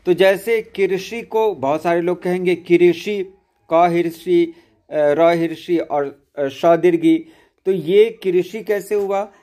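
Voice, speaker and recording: A man teaching poetry meter in a steady lesson. His voice sits a little high and he talks slowly. He walks through each example patiently and repeats points so students can follow. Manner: slow, patient, explains step by step with repetition. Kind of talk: spoken lesson on Urdu-Hindi poetry meter.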